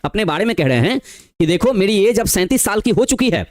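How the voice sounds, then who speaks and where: With big pitch swings in his high voice, a male teacher from Bihar, India, is recorded at studio quality with no room sound. In his exam-prep lecture he reads English verse slowly, explains the lines in Hindi, calls students "bachche" and asks rhetorical questions.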